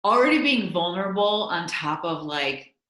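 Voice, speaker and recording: A woman's voice: lowish voice, lively intonation, moderate pace, fairly bright tone. A woman guest on a podcast interview, talking candidly and chattily, with lots of likes. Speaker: guest, content creator. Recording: roomy echo.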